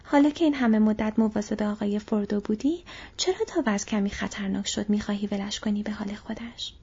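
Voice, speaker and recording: A woman's voice: medium pitch, fairly even intonation, dark tone, breathy edge. A woman reading the part of a spirited young female hobbit who talks frankly and teasingly. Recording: dull lo-fi audio.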